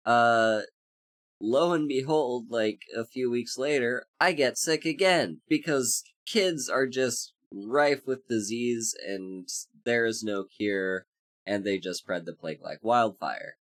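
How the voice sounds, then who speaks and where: In a relaxed livestream chat, a VTuber rambles slowly with many fillers, saying hello to viewers by name. The mid-range voice comes across congested and hoarse.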